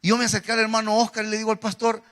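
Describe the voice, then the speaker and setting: A Salvadoran male preacher delivers a sermon in church, weaving personal testimony into his message. His voice sits high and rings bright. He talks straight to the congregation, often calling them "brother". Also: completely flat delivery, rapid-fire. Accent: Salvadoran Spanish. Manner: storytelling, addresses listeners as "hermano".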